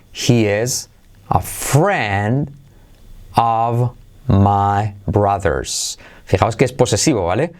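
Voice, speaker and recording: A man with a Spanish accent, a native Spanish speaker, giving an energetic video lesson on English pronunciation and slowly drilling the words. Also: mid-range voice.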